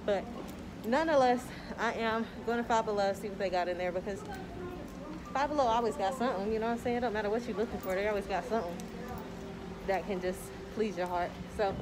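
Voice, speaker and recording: A woman's voice: mid-range voice, fairly quick. A young woman, chatting casually and rambling in a self-deprecating, slangy way while driving, a little out of breath. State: slightly out of breath. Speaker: vlogger. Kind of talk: casual driving vlog chat. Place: in a car. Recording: clear background music.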